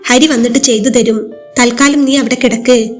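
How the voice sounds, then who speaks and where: A woman's voice: fairly high pitch, steady tone, normal speed, faint music behind, close to an everyday voice. A woman voicing a cold, mocking mother-in-law in a storybook reading. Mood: scornful. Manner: mocking, disdainful.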